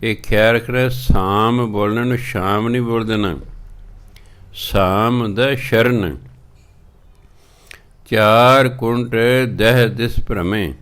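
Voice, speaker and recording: A man giving a religious discourse, reciting verses slowly and drawn out and then explaining how to pronounce them. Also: on the low side, a bit bright. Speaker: preacher teaching scripture reading.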